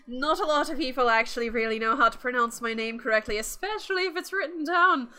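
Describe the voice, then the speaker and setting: A tiny, peppy female elf with an Irish accent, played by a woman, chatting brightly and fast. Her voice sits high and bubbly.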